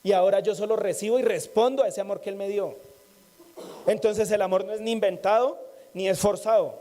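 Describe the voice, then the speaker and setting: A man's voice: sits high, fairly even intonation, brisk, mellow. A man preaching a sermon in a conversational way, repeating phrases and joking with the congregation.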